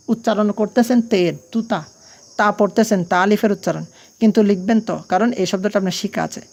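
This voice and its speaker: A woman's voice: mid-range voice, warm tone. A woman teaching an online language class. She patiently spells out letters and vowel marks, and she asks her students questions and then answers them herself.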